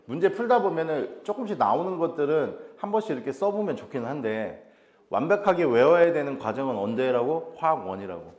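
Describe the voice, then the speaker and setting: Animated male tutor in echoey classroom. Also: fairly high pitch, brisk. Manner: quizzing, repeats questions like "알았어?". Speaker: science tutor. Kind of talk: classroom teaching.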